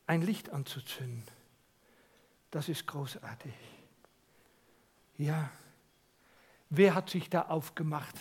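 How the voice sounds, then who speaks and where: A man preaching a Christmas sermon, asking rhetorical questions and swinging from near-whispers to loud, emphatic lines. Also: on the high side, slightly rough.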